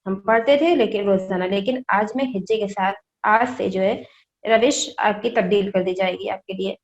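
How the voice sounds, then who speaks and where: Woman teaching Quran letter by letter. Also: medium pitch. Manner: spells words out letter by letter, slow and drawn out; asks questions and answers them herself. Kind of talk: online class teaching Quran reading. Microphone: online call microphone. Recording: dull lo-fi video call audio.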